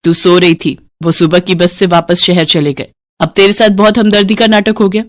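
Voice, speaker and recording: A woman's voice: on the low side, steady tone, moderate pace, natural voice. Cruel, threatening stepmother for a cartoon story, voiced by a woman, harsh and mocking. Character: cruel, scolding stepmother in a village. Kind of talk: animated storybook voice acting.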